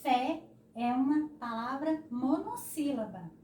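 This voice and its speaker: A Brazilian woman teaches a recorded lesson, her voice a little high and soft-toned. She drags out words syllable by syllable and keeps checking in with "né?". She sounds set back from the mic in an echoing room with a faint hiss. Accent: Brazilian Portuguese. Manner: slow, syllable-stressing explanations with frequent "né?". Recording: echoey room, voice from a distance.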